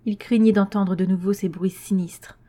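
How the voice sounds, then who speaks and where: A woman narrating a tense horror story in a measured reading voice. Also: medium pitch, fairly even intonation, warm tone.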